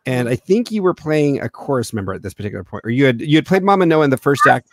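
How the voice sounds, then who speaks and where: Male interview host, animated storyteller, dry recording. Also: medium pitch, fast, dry recording. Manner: animated storyteller, laughs while telling.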